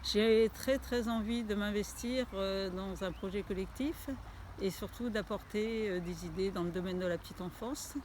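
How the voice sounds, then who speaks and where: A woman's voice: mid-range voice, moderate pace, darkish tone, slight background noise. A woman introducing herself as a local candidate, speaking hesitantly with frequent fillers. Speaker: municipal list candidate. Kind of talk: self-introduction.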